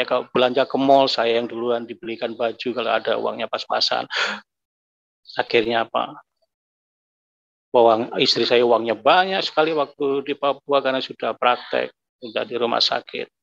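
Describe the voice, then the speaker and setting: A man's voice: mid-range voice, gravelly, fairly bright tone. A middle-aged man giving an emotional personal testimony, repeating himself and rising to anguished cries. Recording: dull lo-fi recording.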